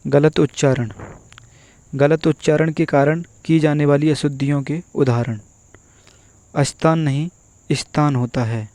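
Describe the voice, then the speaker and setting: A man teaching an exam-prep spelling lesson, going through word after word and repeating each one slowly and methodically. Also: fairly high pitch, steady tone, dark tone. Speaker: Hindi teacher.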